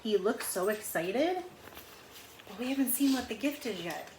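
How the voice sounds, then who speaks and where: Here a woman with a highish, expressive voice reads a children's picture book at normal speed. She talks her way through it, explaining the words and pictures and asking questions along the way. A roomy echo and faint background noise are audible.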